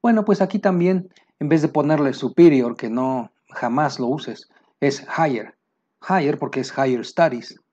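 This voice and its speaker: A man with a Mexican Spanish accent teaching military vocabulary, pausing to say each English term slowly and plainly. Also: on the high side, mellow, husky, dull audio. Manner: explains terms, slows down for English words. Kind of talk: vocabulary lesson.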